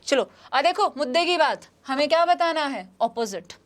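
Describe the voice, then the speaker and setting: A woman's voice: high voice, lively intonation, moderate pace. A young woman with an Indian accent giving a live English exam-prep lesson, repeating each question and answer and calling her students "beta". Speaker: English teacher.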